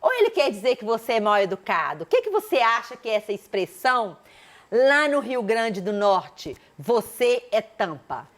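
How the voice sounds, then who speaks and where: A Brazilian woman teacher giving a recorded school lesson, animated and asking the students many rhetorical questions. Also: a little high, normal speed.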